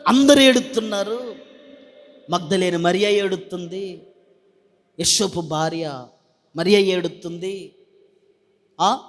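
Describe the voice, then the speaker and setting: High-voiced preacher in a ringing church hall. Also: male voice. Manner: emphatic preaching with repeated refrains, calls on the congregation to answer. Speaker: pastor. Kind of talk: sermon.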